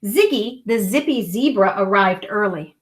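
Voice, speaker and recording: A mature woman with an expressive, mid-range voice reads a children's story aloud. She deliberately stresses key words and adds small asides for her young listeners.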